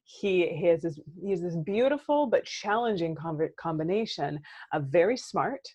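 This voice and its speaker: A woman's voice: lowish voice, expressive, moderate pace, darkish tone, breathy edge. A woman therapist and coach in her thirties, talking earnestly and reflectively as a podcast guest, often checking in with "right?". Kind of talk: casual podcast conversation.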